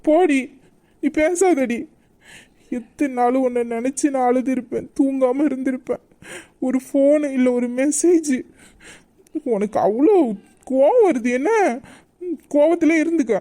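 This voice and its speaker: Woman acting a hurt young man in love, sulking and reproachful, mellow dark tone, high-ish voice, romantic audio drama. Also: normal speed, natural voice. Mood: hurt, angry.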